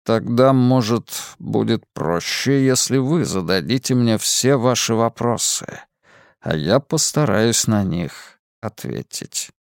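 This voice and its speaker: A man voicing a mysterious masked man who hides in darkness, speaking slowly, quietly and evenly. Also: medium pitch, animated, gravelly, no echo, studio quality. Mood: calm. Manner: slow, quiet, measured.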